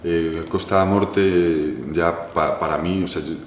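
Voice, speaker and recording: A man from Galicia, a filmmaker answering an interview slowly, pausing often and adding "¿no?" to his thoughts. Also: low-pitched, steady tone, slight background noise. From Galicia, Spain. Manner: thoughtful, many pauses, restarts and "¿no?" tags. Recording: echoey room with faint ambience.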